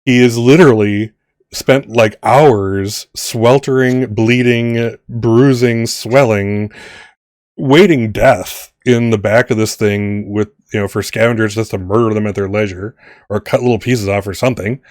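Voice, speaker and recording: A man's voice: lowish voice, fairly even intonation, darkish tone, no echo, studio quality. Rambling man running a tabletop game. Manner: rambling, halting, many restarts. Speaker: game master.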